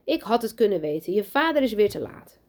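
A woman's voice: medium pitch, sing-song, a little fast, pitched above the performer's own voice, close to an everyday voice. Woman doing an irritated, snappish mother. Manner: curt, snappish.

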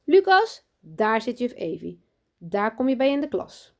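A woman voicing a strict, pompous headmistress in a children's storybook reading, loud, high and commanding. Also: sing-song, unhurried. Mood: bossy. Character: strict pompous female headmistress, bossy and boastful.

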